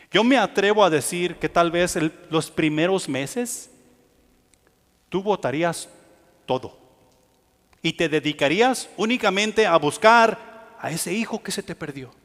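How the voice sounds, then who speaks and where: A man preaches a sermon in a high voice. His delivery is impassioned, sinking to near-hushed phrases and then rising again. The sound carries a long reverb, as if it was recorded in a large hall. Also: expressive, slow pace. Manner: impassioned, swinging between hushed and loud.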